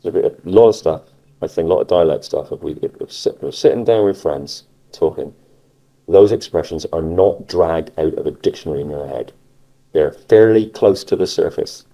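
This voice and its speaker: A man from Cornwall with a Cornish West Country accent, chatting casually in a halting way and repeating phrases for emphasis. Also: sits low, creaky, dark tone. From Cornwall, England. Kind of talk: casual conversation about dialect. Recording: muffled cassette recording.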